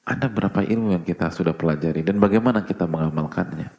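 Male preacher, low and gravelly, sermon delivery with hushed asides and loud peaks. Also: fast. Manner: rhetorical questions to the audience, swings between soft and loud. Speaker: Islamic preacher.

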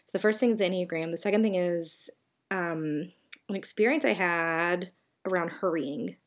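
A woman's voice: lowish voice, moderate pace. A woman with a Southern US accent hosting a solo podcast, talking in a chatty, reflective way with frequent fillers and self-corrections. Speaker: podcast host.

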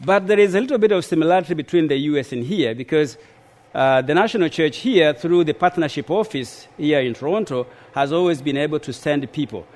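Man, middle-aged, formal lecture, slightly high voice, measured with hesitant pauses. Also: a little mellow. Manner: measured and deliberate, with frequent hesitations. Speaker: lecturer, mission historian.

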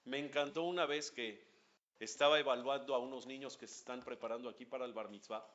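A man, a rabbi giving a lively religious class, questioning his listeners and chanting Hebrew prayer lines. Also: mid-range voice, brisk, lo-fi sound.

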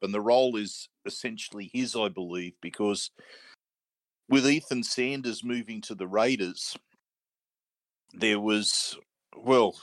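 A man's voice: on the low side, fairly bright tone, no room sound. A man co-hosting a podcast, chatting casually about a match with many restarts and trailing phrases. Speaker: podcast co-host. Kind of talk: casual sports chat.

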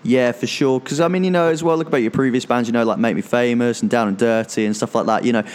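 A man's voice: medium pitch, fast, a little mellow. Rambling male interviewer. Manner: rambling, hesitant questions with many restarts. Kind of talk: casual interview.

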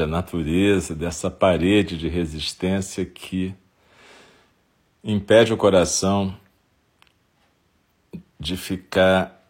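A man with a Brazilian accent and a husky voice leading a guided meditation in short, unhurried phrases with long pauses. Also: deep voice.

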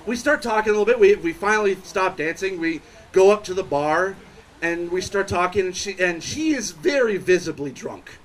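A young man tells a stand-up story at a live show in a bar. His voice sits high and leaps around constantly. He trips over his words and restarts while the tale tumbles out. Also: moderate pace, a little hiss or hum, rough recording. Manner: rambling, self-interrupting, animated. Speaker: stand-up comedian.

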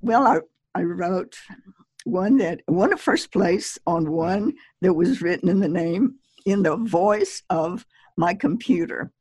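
Slow, husky woman poet. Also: lowish voice, darkish tone, dry recording. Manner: slow, measured and chatty, with small laughs. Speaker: poet giving advice, podcast guest. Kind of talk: relaxed conversational advice.

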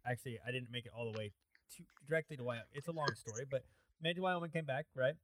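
A man's voice: mid-range voice, rapid-fire, fairly bright tone. A young man chatting casually as a podcast co-host, rambling through long stories with lots of fillers and frequent laughter. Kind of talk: casual chat.

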